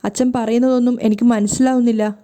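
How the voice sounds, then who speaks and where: A woman voicing an emotional young daughter who asks pleading questions in slow, drawn-out lines. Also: on the high side, fairly even intonation, mellow, lightly acted. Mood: anxious.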